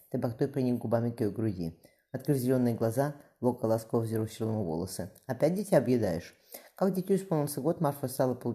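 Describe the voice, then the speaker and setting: An audiobook narrator reading a historical novel briskly, with occasional slips. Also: medium pitch, mellow.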